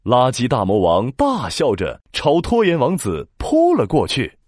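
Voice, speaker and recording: A man narrating a children's story in a dramatic, expressive storytelling manner. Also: medium pitch, unhurried, no echo, studio quality. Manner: dramatic, expressive, with sound-word emphasis.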